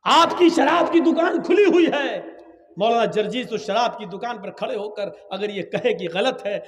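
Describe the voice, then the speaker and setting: A man preaching a sermon, swinging from calm storytelling to shouted exhortation and acting out dialogue in his stories. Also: high voice, long reverb tail.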